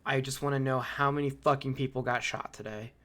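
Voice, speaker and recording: A man with a mid-range voice talks as a podcast co-host. He rants with animated opinions, swears often and speaks in a loose, casual way. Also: medium pitch, fairly quick. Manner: animated, ranting, swears freely. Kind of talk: casual chat.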